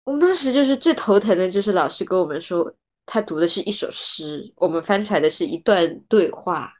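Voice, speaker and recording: A woman chatting casually on a book podcast, lively and quick to laugh while giving examples. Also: on the low side. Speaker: podcast co-host; former translation student. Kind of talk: casual book-club chat.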